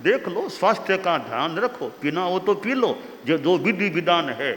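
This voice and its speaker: A man's voice: sits high, sing-song, moderate pace, a bit bright. A man giving a sermon as a spiritual teacher. He patiently explains the meanings of words and recites verses. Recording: long hall reverb, faint background noise.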